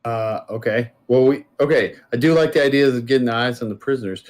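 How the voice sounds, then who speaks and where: A man's voice: mid-range voice, fairly quick, darkish tone. A man playing a tabletop game, thinking aloud as he works out a plan with the group. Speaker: player.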